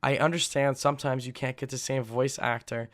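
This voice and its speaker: A young man speaks with a raspy voice that sounds worn by illness. He gives casual gaming commentary straight to his viewers, earnest and full of opinions, at a medium pitch. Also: little pitch movement, a little fast, a bit bright. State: sick, rough voice. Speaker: gaming video creator.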